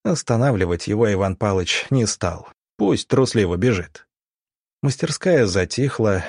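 A man narrating an audiobook in a steady, expressive reading. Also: on the low side, no room sound, clean studio sound.

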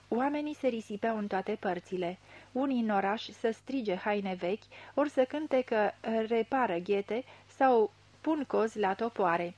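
A woman reading a literary novel aloud in a measured, even storytelling manner into a close studio mic. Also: on the high side. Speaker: audiobook reader. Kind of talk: scripted literary narration.

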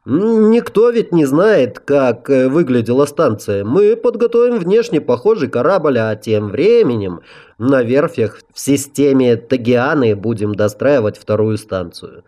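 A man's voice: mid-range voice, sing-song, mellow, voice pushed up. Man voicing a cautious old-guard marshal. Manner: cautious, measured proposing.

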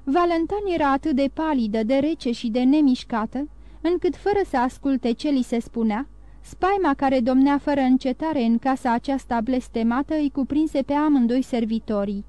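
High-voiced woman reading an audiobook. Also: warm tone, no echo. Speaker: audiobook narrator. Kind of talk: audiobook narration.

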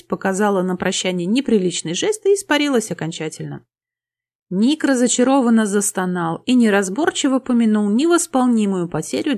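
Woman, audiobook narrator, fantasy story, playful, expressive. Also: mid-range voice.

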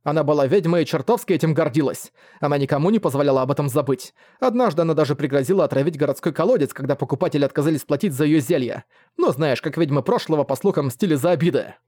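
A man's voice: a little high, animated, fast, no room sound. A man voicing a stern, overbearing middle-aged mother who scolds her son, in an audiobook. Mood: furious. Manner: sharp and scolding, shouting at times.

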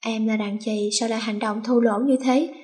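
A woman voicing a young male high school student who scolds firmly and also fusses with care. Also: steady tone, normal speed, darkish tone, close to an everyday voice. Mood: stern. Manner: firm, scolding.

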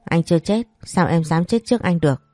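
A woman's voice: lowish voice, fairly quick, dark tone, no room sound, clean studio sound, faint music behind, natural voice. A woman voicing a sick young man who still teases sharply. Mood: teasing. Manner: teasing, weak.

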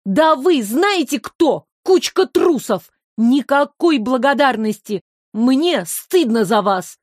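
A woman's voice: sits high, lively intonation, slow, no room sound, studio quality, voice pushed up. A woman doing an indignant little girl. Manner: loud and outspoken.

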